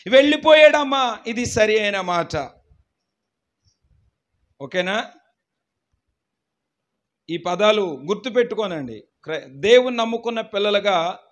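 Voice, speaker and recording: A man with a strikingly high voice and a hoarse, worn throat leads a Bible study class. He speaks slowly and deliberately, quizzing his students and urging them to answer aloud. He now and then rises into emphatic shouted lines. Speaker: pastor teaching a Bible class.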